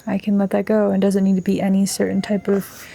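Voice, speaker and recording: Young woman with a gravelly, mellow voice. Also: mid-range voice, fairly quick. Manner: relaxed, rambling, thinking aloud with many fillers. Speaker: vlogger. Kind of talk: casual chat while drawing. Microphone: close microphone.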